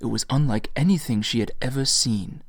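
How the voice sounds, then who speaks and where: A man narrates a fantasy novel in a measured storytelling voice, recorded close on a desktop mic. His pitch is middling and the sound is dry with no room echo. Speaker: author and narrator. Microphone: USB desktop mic.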